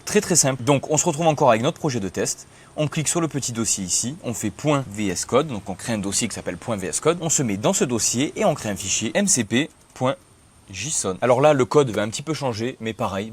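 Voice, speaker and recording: A young man casually explaining software setup step by step in a tutorial video. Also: lowish voice, husky. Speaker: tech tutorial host. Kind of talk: screen-recorded software tutorial.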